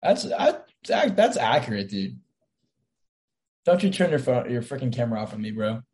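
A man's voice: medium pitch, big pitch swings, normal speed, darkish tone. A young man hosting a casual sports podcast, teasing and confident, steering it from segment to segment. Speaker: podcast host.

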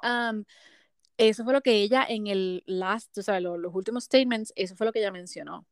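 A woman's voice: medium pitch, moderate pace, clean tone, no echo. Chatty woman, dry sound. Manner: chatty, mixes English into Spanish. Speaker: podcast co-host. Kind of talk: casual gossip chat.

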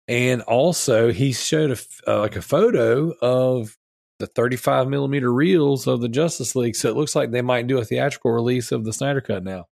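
A podcast host sick with strep throat rambles enthusiastically in loose slang, sounding wheezy, congested and snotty as he breathes through his mouth. His medium-pitched voice has vocal fry, a slightly mellow tone and a moderate pace. The studio-quality recording has no echo.

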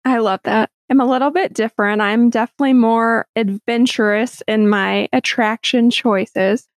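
A woman's voice: fairly high pitch, steady tone, moderate pace, dry recording, clean studio sound. A woman in her thirties hosting a casual chat, upbeat and chatty, laughing easily as she talks. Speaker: host.

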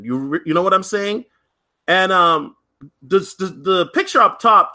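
Man, casual podcast storytelling, high voice, bright tone, chatty with fillers. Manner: chatty, many fillers and restarts, frequent "right?"; lively, acts out other people's lines. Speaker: podcast host.

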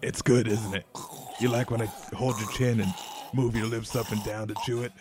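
A man's voice: on the low side, fairly even intonation, normal speed, over music, natural voice. A man playing a crude, menacing male chef who leans in close and swears while he talks. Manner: swears constantly, looms close and intimidates. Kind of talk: comedy sketch acting.

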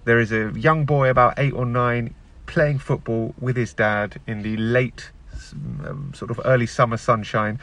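A man's voice: mid-range voice, steady tone, moderate pace, fairly bright tone. A man hosting a casual football podcast, recorded outdoors in a car park. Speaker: podcast host. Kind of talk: casual sports podcast chat.

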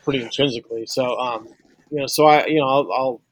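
Speaking fairly quickly in a steady, mid-range voice with no room sound, a man from St. Louis joins a casual podcast as a sportswriter guest. He is earnest and tends to restart his sentences as he reasons aloud.

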